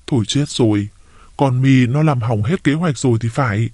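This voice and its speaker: A man reading a story aloud, voicing a sharp-tongued older sister who scolds and defends her sibling. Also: mid-range voice, normal speed, dry recording, natural voice. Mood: worried.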